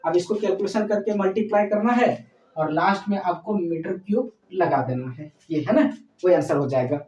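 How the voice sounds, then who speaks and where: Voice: mid-range voice, a little mellow, lo-fi sound. A math teacher working through a problem step by step, checking in with the class after every point. The voice sits in a roomy, echoing space and is heard from some distance from the mic. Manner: explains slowly, often checks in with "okay?"; addresses students fondly as "child". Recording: echoey room, voice far from mic.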